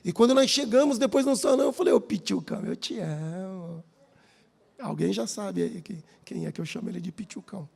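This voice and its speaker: A man with a Brazilian Portuguese accent preaches in a church hall, mixing in personal stories and often calling the crowd brothers. His delivery is lively and quick with few pauses, his high-pitched voice creaky and slightly rough.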